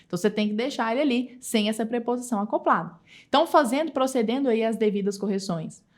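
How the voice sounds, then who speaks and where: A woman teaching a recorded grammar lesson, speaking straight to the viewer with lively emphasis and slowing down to stress her examples. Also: a little high. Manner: reads quoted examples slowly with drawn-out emphasis.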